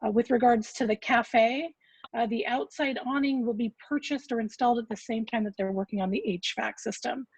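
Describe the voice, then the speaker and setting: Woman on a group voice chat, husky, slightly high voice, dull dry call audio, steady point-by-point report. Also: a little fast, dry recording. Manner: steady, list-by-list reporting with fillers. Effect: group voice chat audio that cuts out. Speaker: agency member reporting at a public meeting. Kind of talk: formal meeting report. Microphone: computer mic on a video call.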